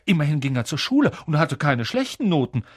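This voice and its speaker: Audiobook narrator, expressive, very husky, lively pitch. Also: no room sound, clean studio sound. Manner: expressive, unhurried storytelling.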